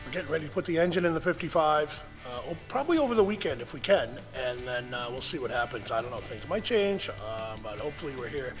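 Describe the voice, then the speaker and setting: A middle-aged man with a medium-pitched voice talks fast with big pitch swings over music. He hosts a casual shop vlog in a large car restoration garage, rambling easygoingly with lots of "uh" fillers into an action camera held or mounted close.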